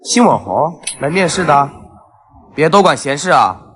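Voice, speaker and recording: A man's voice: fairly high pitch, very animated, moderate pace, a bit bright. An actor playing a fawning, bullying male supervisor in a short web drama.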